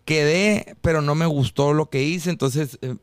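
A man's voice: fairly high pitch, a little slow, clean tone, no room sound, studio quality. A man with a northern Mexican accent, telling anecdotes casually in informal, slangy talk as a podcast guest. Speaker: guest singer.

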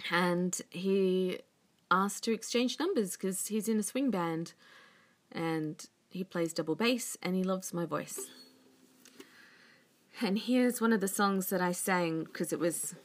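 Female music vlogger, hushed and breathy, unhurried, casual rambling chat, phone recording in a bedroom. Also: fairly low pitch. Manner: rambling, chatty asides. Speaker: singer and ukulele player, host. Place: bedroom, sitting on bed by a window. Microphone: iPhone propped on a windowsill.

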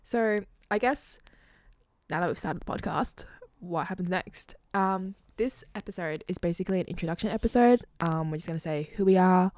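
A woman's voice: lowish voice, moderate pace, darkish tone, no room sound. A woman in her twenties with an Australian accent, co-hosting a podcast in casual, joking chat with many fillers. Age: 20s. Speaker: podcast co-host.

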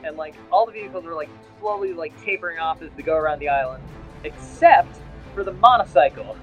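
A man's voice: on the high side, lively intonation, fairly quick. A man running a tabletop role-playing game as game master, narrating casually with many fillers. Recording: dull lo-fi sound with faint music.

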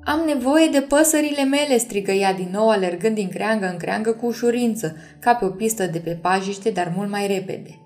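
A woman narrating an audiobook chapter in a measured, expressive reading. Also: mid-range voice.

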